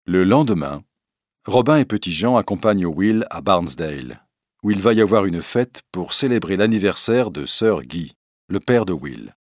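A man reading a storybook aloud as narrator, giving the characters their own voices. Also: no room sound. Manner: lively, animated reading that lifts into higher voices for the characters.

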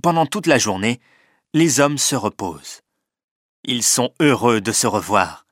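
A man reading a story aloud in measured scripted narration, with clear, lifted emphasis at exciting moments. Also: medium pitch, no room sound, studio quality. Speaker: audiobook narrator.

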